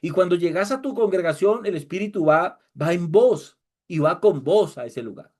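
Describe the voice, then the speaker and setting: A man delivers a sermon in a high, lifted voice. He preaches with passion and mocks the worshippers he mimics. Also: expressive, normal speed, a little mellow. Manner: impassioned, mocking mimicry of worshippers.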